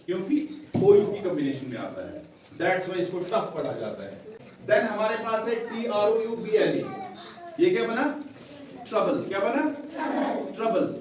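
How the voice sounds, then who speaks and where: A man's voice: high voice, very animated, moderate pace, far from the mic, noisy background. A male English teacher giving a classroom lesson, repeating each rule and quizzing the class with questions. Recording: echoey classroom recorded from afar, students audible.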